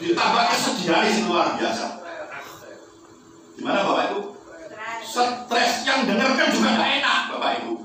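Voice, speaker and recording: A male preacher tells a story in an animated way during his sermon and keeps turning to the congregation with questions. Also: very high-pitched, moderate pace, long pauses, distant mic, background noise. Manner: animated, addresses the congregation often. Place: large echoey church hall. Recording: echoey hall, off-mic.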